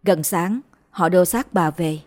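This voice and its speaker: Calm woman telling a ghost story. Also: fairly low pitch, a little slow, faint music behind. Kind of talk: scripted narration of a ghost story.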